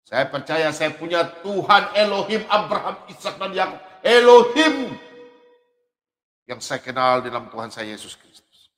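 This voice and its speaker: A middle-aged man preaching a sermon in an animated way, laughing and at times shouting. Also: on the high side, a little slow. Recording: long hall reverb.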